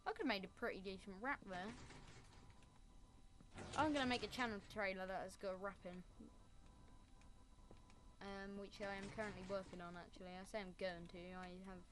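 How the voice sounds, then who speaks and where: Over a noisy background, a woman with a medium-pitched voice talks at a moderate pace with fairly even intonation and frequent pauses. She rambles through a casual Minecraft building tutorial, tossing in self-mocking asides.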